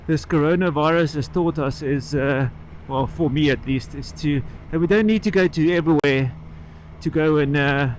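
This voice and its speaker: A man with a fairly high voice rambles casually as he rides, speaking into a microphone inside his helmet. He trails off and picks up again in an unscripted vlog style. Faint engine and road noise sits behind him. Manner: halting, trailing off and picking the thread back up. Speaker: motorcycle vlogger. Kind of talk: casual rambling vlog chat while riding. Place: inside a helmet on a moving motorcycle outdoors.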